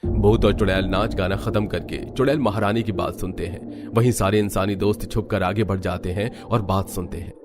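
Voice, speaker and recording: A man's voice: on the low side, steady tone, normal speed, music in the background. Man narrating a cartoon horror story.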